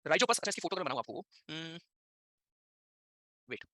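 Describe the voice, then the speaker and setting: A man's voice: fairly high pitch, animated, brisk, bright, forceful tone, no echo, studio quality. A man teaching an online class in a chatty, direct way, checking in with students constantly through tag questions.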